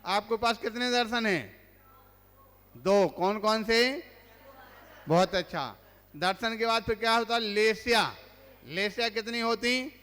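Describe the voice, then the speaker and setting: A man's voice: sits high, takes it slowly, long pauses, bright, forceful tone. A man, a monk teaching a religious class, asks the listeners questions and then recites the lists himself. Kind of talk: quizzing religious lesson. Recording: long hall reverb.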